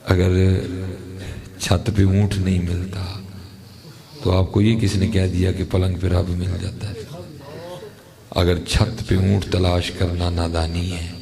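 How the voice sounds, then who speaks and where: A man's voice: deep voice, monotone, vocal fry, long pauses, a crowd in the background. A man preaching a storytelling sermon, slipping into asides and chanted verse.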